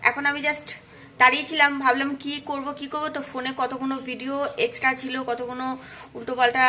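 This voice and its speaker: A woman's voice: sits high, pushed and bright, slight background noise. A young woman chatting casually to her viewers in a daily vlog, often saying "so come, friends". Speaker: vlogger.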